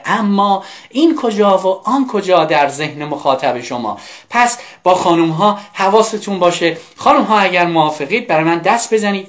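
An adult English teacher leading a live vocabulary class in Persian, saying English phrases slowly and repeating them, with quick asides to the students in between. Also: mid-range voice, fairly bright tone.

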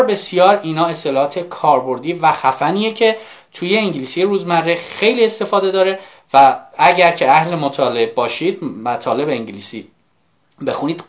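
A man giving a live online English lesson, repeating phrases slowly, spelling words letter by letter and often checking in with "okay?". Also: fairly high pitch. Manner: coaxing, often asks "okay?". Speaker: English teacher.

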